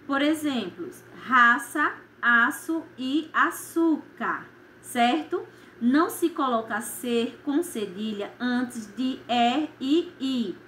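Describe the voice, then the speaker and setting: A woman with a Brazilian Portuguese accent teaching a primary school class, explaining each exercise slowly and patiently and checking in with "certo?" after her points. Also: on the high side, sharp tone, slight background noise. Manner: slow, patient, tags lines with "certo?". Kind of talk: recorded remote class lesson.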